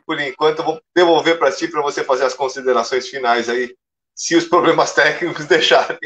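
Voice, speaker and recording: A man's voice: a little high, steady tone, a little fast, a bit bright, highs cut off. A male host on a live video call, speaking politely with a few restarts while his audio breaks up and stutters from a lagging connection. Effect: choppy audio that breaks up from a lagging connection. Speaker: host of a live stream interview. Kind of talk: casual live interview over a video call.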